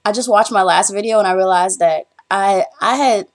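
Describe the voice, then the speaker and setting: She's a young woman from the Bahamas in college, chatting to camera at a moderate pace in a mid-range voice. Her talk wanders in a storytelling way, full of ums.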